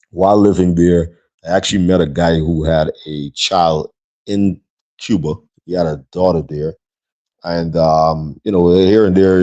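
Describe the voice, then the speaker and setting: A man's voice: sits low, mellow. A man from Guyana talking casually on his own podcast, rambling with fillers and asides to his viewers. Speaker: podcast host. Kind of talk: casual solo podcast monologue.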